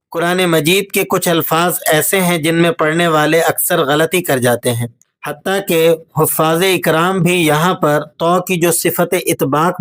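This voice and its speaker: A man teaching a tajweed lesson, patiently explaining rules and reciting examples slowly. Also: fairly high pitch, fairly bright tone.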